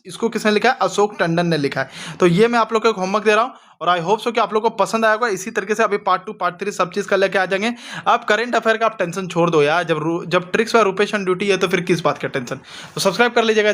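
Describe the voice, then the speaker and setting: A man's voice: high-pitched, quick pace, a bit bright. A male exam coaching teacher revising memory tricks, asking questions and answering them himself in a chatty, friendly way. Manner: chatty, addresses students as bhai.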